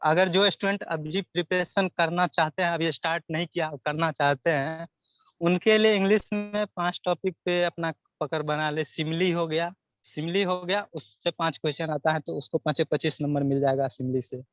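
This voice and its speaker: A man's voice: on the high side, fairly even intonation, normal speed, fairly bright tone, no echo. A young man, giving earnest advice as a student guest in an interview, often repeating himself as he lists topics. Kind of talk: casual interview answers.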